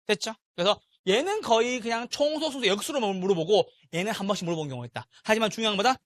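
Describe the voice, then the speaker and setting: A man's voice: high-pitched, expressive, fast, no room sound. A middle-aged man lecturing a live exam-prep class, drilling students with repeated call-and-response questions. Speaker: real estate exam lecturer.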